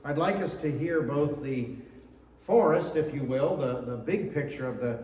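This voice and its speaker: Guy preaching a sermon, kinda high voice, chatty little asides, big echoey church hall, mic sounds far off. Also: moderate pace, a little mellow. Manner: conversational, with casual asides between scripture readings. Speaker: pastor. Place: church sanctuary.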